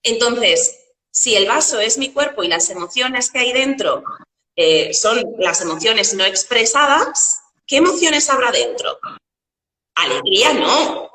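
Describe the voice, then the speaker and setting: Animated woman in an echoey room. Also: a little high, unhurried, distant mic. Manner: animated, explains with metaphors and rhetorical questions. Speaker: guest coach.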